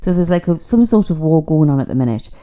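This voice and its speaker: A woman's voice: low voice, lively intonation, quick pace, warm tone. A middle-aged woman gives a casual, rambling spiritual reading on a livestream. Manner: chatty, rambling, mystical. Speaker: psychic.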